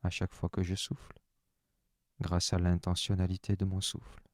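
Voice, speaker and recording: A man with a very deep voice guides a slow relaxation session. He speaks softly and calmly, in the first person, leading breathing and stretching. The sound is dry and close, with no room echo. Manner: slow, soft, calm first-person instructions.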